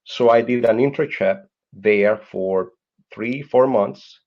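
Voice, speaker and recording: A Colombian guest in his thirties on a podcast speaks with a Colombian Spanish accent, earnestly sharing his life story and often repeating words as he searches for the next one. He talks slowly at medium pitch, in a dull lo-fi recording.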